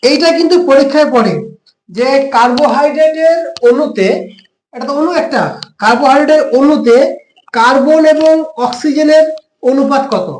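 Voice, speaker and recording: High-voiced tutor with a West Bengal accent. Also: male voice, moderate pace, darkish tone, roomy sound, low-quality recording. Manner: explains step by step with frequent rhetorical questions. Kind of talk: classroom lesson explanation.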